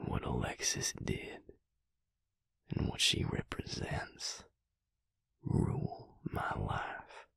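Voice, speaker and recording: Pained yet resolute, a man performs a protective, worn-out but tender vampire mate for an intimate audio roleplay. He speaks deep, hushed, breathy and gravelly, deliberate and reassuring, in a full character voice with no echo.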